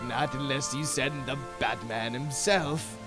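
A man's voice: mid-range voice, measured pace, bright, forceful tone, soft background music. A man playing a manic, gleefully menacing clown crime boss in an audio drama, theatrical, sing-song and taunting.

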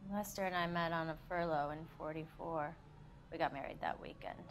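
An actress playing a cold, unsentimental young 1940s American widow in a video game, guarded and curt. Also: female voice, low-pitched, steady tone, brisk, a little hiss or hum, natural voice. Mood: cool, unmoved. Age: young adult.

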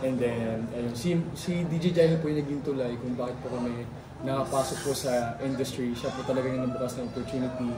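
A man's voice: medium pitch, fairly even intonation, fast. A man of nineteen with a Filipino accent, a boy group member answering interview questions earnestly and at length. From Philippines, Cebu. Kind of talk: interview answers mixing English and Tagalog. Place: restaurant lounge, at a long table. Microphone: far camera. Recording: echoey room, from far off, chatter behind.

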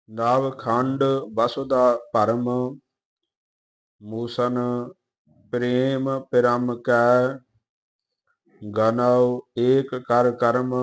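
A man reciting scripture slowly in a measured chant, with quick, quieter spoken notes on pronunciation. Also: mid-range voice.

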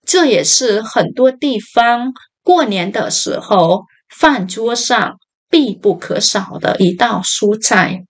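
Slow, careful woman language teacher. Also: on the high side, expressive. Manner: reads phrases slowly, then explains them. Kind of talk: slow line-by-line language lesson.

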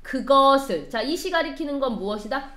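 A woman's voice: sits high, lively intonation, moderate pace, fairly bright tone. A woman teaching an English lesson, explaining line by line and quizzing her students as she goes. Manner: explains step by step, quizzes the class. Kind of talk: classroom lecture.

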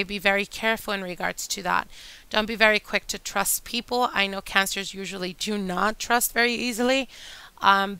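A woman does a casual tarot reading for her channel at an indoor table decorated with candles, chatting warmly and speaking straight to viewers while whispering as she shuffles. Her mid-range voice is a little hoarse after a long day, and the recording is dry and rough.

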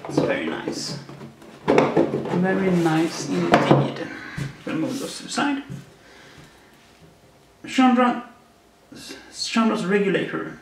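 A man's voice: high voice, gravelly. A man hosting a casual unboxing video, making wry puns about each card, with his voice echoing around a bare, unfurnished apartment room. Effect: echoey sound from a bare, unfurnished room. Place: new apartment, not yet furnished, indoors. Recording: echoey bare room, faint noise.

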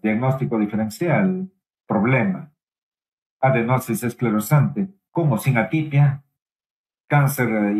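A man giving a simultaneous interpretation of a medical lecture, halting at times with pauses, fillers and restarts. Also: fairly low pitch, darkish tone, rough recording.

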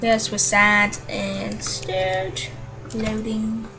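A woman giving casual game commentary in a quiet but clear voice over laptop noise. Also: mid-range voice, little pitch movement, extremely slow, music in the background. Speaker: gaming video host. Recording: noisy laptop hum in background.

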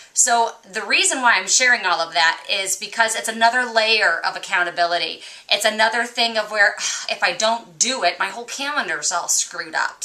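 A woman's voice: medium pitch, pushed and bright. A woman fitness vlogger talking casually and earnestly to her viewers about motivation. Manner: earnest, encouraging. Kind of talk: casual motivational talk to camera.

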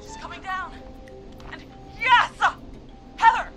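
An actress playing a frightened, determined young American woman in a video game, urgent and breathy as she leads an escape. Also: very high voice, wildly swooping pitch, slow pace, dull audio, faint music behind, full character voice. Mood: urgent, panicked. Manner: breathy urgent delivery, swinging from hush to shout. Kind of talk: dramatic video game acting.

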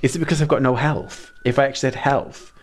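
A man with a Mancunian accent, streaming a game and chatting to his viewers, excitable and dramatic, jumping from squeals to mutters. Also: mid-range voice, fast. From Manchester, England. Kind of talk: casual game streaming chat.

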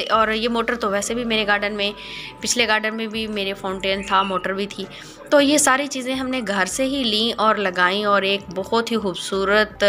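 A woman talks through a garden renovation in a voice-over, calmly explaining each step. Her voice is bright and clear, and she pauses now and then as she finds her words. Faint music plays underneath. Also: medium pitch. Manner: calm, explanatory step-by-step instruction with hesitant pauses. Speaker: gardening channel host. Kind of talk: voice-over narration of a garden makeover.

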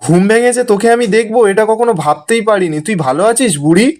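A man's voice: high voice, fast, darkish tone, natural voice. Man reading as a grumpy old grandmother. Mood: gruff.

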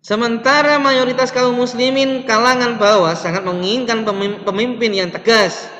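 Young male teacher, high voice, reads slides and explains with restarts, echoey room, muffled webcam sound. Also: fairly even intonation, normal speed, bright, forceful tone. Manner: reads slides aloud and adds explanation, with restarts and stretched words. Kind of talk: online lesson explaining slides. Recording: roomy, reverberant, dull lo-fi webcam audio.

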